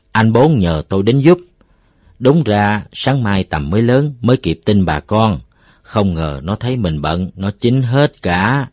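A man voicing a cheerful, crafty middle-aged village farmer who talks loudly and playfully in a dry, close recording. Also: on the low side, no room sound. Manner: loud, playful, shouting to the village.

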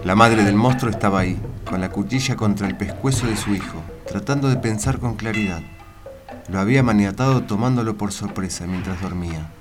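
A man reading a grim story aloud on the radio, going from hushed to loud. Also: on the low side. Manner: expressive, swings from hushed to loud. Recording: loud noise on radio recording.

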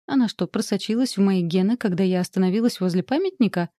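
A woman's voice: medium pitch, fast, mellow, no echo, studio quality, natural voice. A woman voicing an irritable young heroine who speaks indignantly and exclaims.

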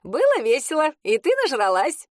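Woman doing a loud cackling old witch. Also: high-pitched, wildly swooping pitch, moderate pace, no room sound, studio quality, pitched above the performer's own voice. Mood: boisterous teasing. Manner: boisterous, teasing, laughing.

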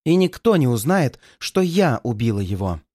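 A man's voice: medium pitch, sing-song, normal speed, no echo, studio quality. A man voicing a cold, murderous young woman who threatens and mocks in a raised, strained voice. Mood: gloating. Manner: threatening, mocking, shouting in fury.

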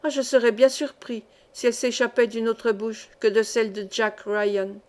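An earnest, loyal young miner , voiced by a woman reader in an audiobook. He answers respectfully and plainly, in a fairly high voice. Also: level tone, moderate pace, darkish tone, natural voice.

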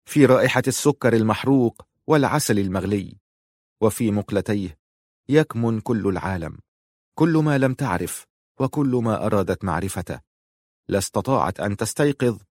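A man narrating a novel in a measured, emotive way. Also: on the low side, animated, darkish tone, no room sound, clean studio sound. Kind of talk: audiobook narration.

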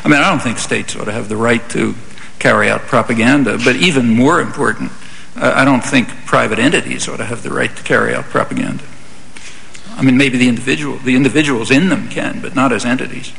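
A man answering audience questions at a lecture in a measured, conversational way. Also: mid-range voice, creaky, a bit bright, slight background noise, low-quality recording. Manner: measured, conversational, frequent "I mean" and "you know". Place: university lecture hall.

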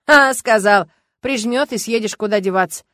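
A woman reading as a gloomy middle-aged man, worn down and bitter, who flares into loud, sardonic outbursts. His lines come in a mid-range voice with no room around it, close and dry, as in a storybook reading. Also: mid-range voice, moderate pace, no room sound, lightly acted. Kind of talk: audiobook reading.

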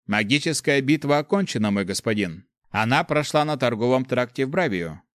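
A man's voice: medium pitch, animated, a little fast, no room sound, clean studio sound, lightly acted. A man reading a fearful, deferential messenger reporting to his lord, in an audiobook. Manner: timid, mumbling, deferential.

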